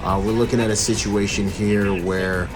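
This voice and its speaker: A man's voice: on the low side, level tone, normal speed, over loud music. A man giving casual, slangy video commentary and analysis as a protection professional, repeating points for emphasis. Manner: slangy, informal, emphatic repetition.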